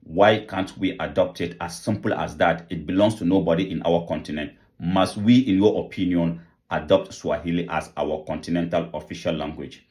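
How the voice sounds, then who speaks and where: Speaking at a moderate pace, this channel host has a low, steady, slightly mellow voice. His vlog commentary is an earnest appeal to viewers, full of repeated rhetorical questions.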